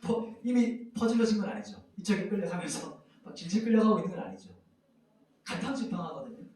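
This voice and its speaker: A man preaching a sermon as a pastor, lively and animated, acting out loud cries and sighs of lament. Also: high-pitched, fairly quick, very echoey, recorded from a distance, low-quality recording.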